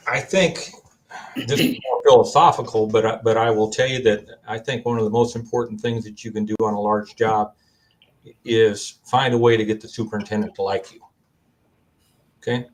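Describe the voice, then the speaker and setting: A man with a Kentucky accent, a guest on a video-call panel, speaking in a measured, storytelling way. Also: medium pitch, steady tone. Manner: measured, storytelling, quotes advice he gives. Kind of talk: casual panel discussion.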